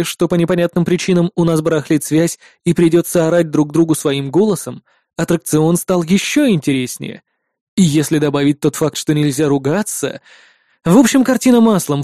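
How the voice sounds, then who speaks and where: Male narrator, wry, sardonic, high voice, mellow, dry close sound. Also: dry recording. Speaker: audiobook narrator. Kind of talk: first-person story narration.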